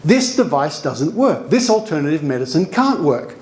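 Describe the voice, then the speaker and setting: A man's voice: fairly high pitch, big pitch swings, moderate pace, a little mellow. Jokey Australian man presenting on stage. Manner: jokey, chatty showman, breaks into laughs. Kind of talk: live conference talk with audience participation. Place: conference hall before a live audience.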